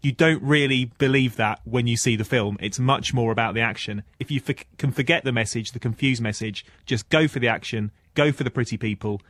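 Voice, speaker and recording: A man's voice: mid-range voice, a little fast, few pauses, a bit bright. A man giving a chatty, wry film review on a radio show, speaking into a studio microphone. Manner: chatty and wry, breaks into mock voices. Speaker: film critic.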